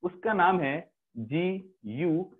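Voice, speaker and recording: A man's voice: high-pitched, expressive, takes it slowly, husky. A man with an Indian accent teaching a biology class online, mixing Hindi and English and often checking that students follow. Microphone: video call. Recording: phone-like online class audio.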